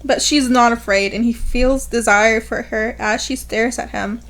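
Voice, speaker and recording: A young woman co-hosting a book podcast, reading novel passages aloud slowly and dramatically in casual chat. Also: a little high, steady tone, fairly bright tone. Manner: slow, dramatic reading with giggles. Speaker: podcast co-host.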